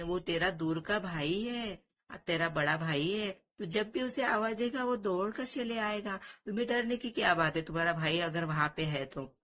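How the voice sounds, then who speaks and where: A woman's voice: medium pitch, fairly bright tone, a little hiss or hum, natural voice. A woman voicing a loving elderly grandmother who coaxes her grandson in a storybook tale. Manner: coaxing and comforting.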